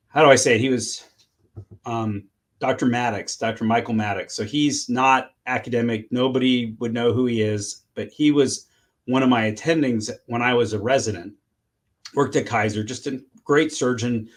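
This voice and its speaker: A middle-aged man speaks in an interview, answering questions as a surgeon. His speech is halting, full of restarts and fillers, and broken up by frequent laughs. His voice sits at a middle pitch.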